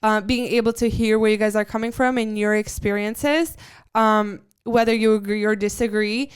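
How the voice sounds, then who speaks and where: Very clear-voiced young woman podcaster. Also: mid-range voice, steady tone, moderate pace. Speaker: podcast co-host. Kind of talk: casual chat.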